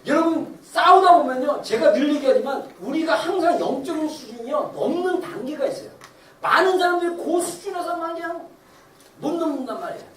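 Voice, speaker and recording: A pastor giving a Sunday sermon in a church sanctuary, telling stories with animated acted-out voices and frequent laughter. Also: high voice, a little fast, a little hiss or hum. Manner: animated, acts out quoted voices; laughs while preaching. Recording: roomy echo, distant mic, faint ambience.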